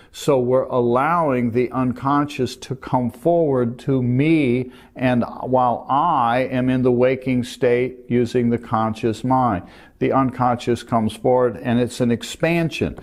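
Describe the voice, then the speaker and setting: An older man teaching meditation, explaining calmly and gently while pointing to a diagram. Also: mid-range voice. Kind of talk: calm spoken lesson.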